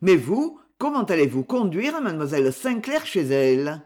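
Guy doing hurt young miner, gasping out brave words, fairly high. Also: very animated, darkish tone. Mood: recovered. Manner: breathless, halting reassurance. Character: injured young male miner, brave and uncomplaining.

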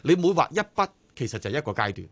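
Hk cantonese guy on radio, talks fast, repeats himself to make a point. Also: mid-range voice, breathy edge. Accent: Hong Kong Cantonese. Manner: lively, repeats phrases for emphasis. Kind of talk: explanatory radio chat.

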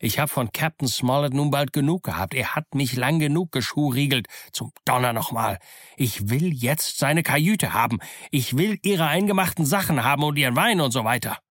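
A man voicing a surly, grumbling pirate coxswain who talks in a gruff, impatient way. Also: medium pitch, animated, normal speed, a bit bright, no echo, clean studio sound.

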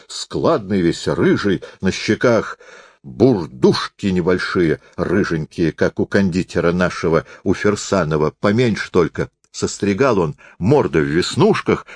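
A man reading a folksy tale aloud in a warm, conversational storytelling manner. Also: low voice, no echo, clean studio sound. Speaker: reader.

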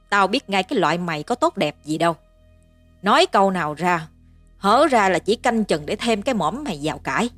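A woman putting on a shrill, cursing village mother. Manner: screeching, cursing tirade. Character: shrill abusive peasant mother, middle-aged, scolding.

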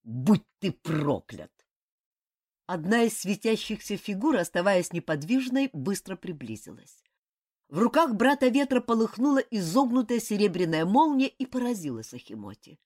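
Expressive woman narrating a fantasy audiobook. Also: mid-range voice, moderate pace.

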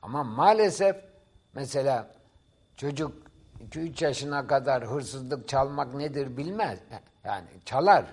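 A man's voice: medium pitch, expressive, measured pace, a little mellow, breathy edge. A middle-aged man, a professor appearing as a guest, explaining ideas in a didactic, emphatic way during a talk-show discussion.

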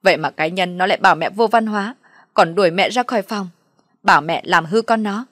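A woman's voice: medium pitch, quick pace, breathy edge, no room sound, studio quality, close to an everyday voice. A woman voicing a self-pitying, theatrical farm woman near sixty who complains tearfully. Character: wailing self-pitying old farm woman, mother-in-law.

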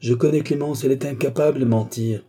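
A man's voice: mid-range voice, fairly even intonation, fast, dark tone, husky, lightly acted. A man reading an audiobook, voicing a frail, stubborn and emotional old marquis in a raised voice. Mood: insistent. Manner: insistent, emotional.

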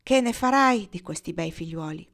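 A woman voicing a wistful unmarried young woman in an audiobook, speaking quietly and subdued. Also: on the low side, lively intonation, moderate pace. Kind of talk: audiobook dialogue.

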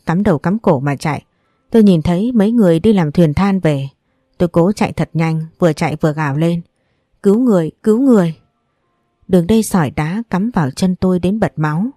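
A woman reads a novel aloud in first person with steady, even storybook narration. Her voice sits low and mellow, and the recording is dry and close with no room sound. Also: no echo. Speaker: audiobook narrator.

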